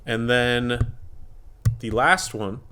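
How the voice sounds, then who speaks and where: A man's voice: medium pitch, drawn-out words, background noise. A man giving a casual, candid review of a product, talking in a chatty way with blunt opinions, into a desktop USB condenser microphone.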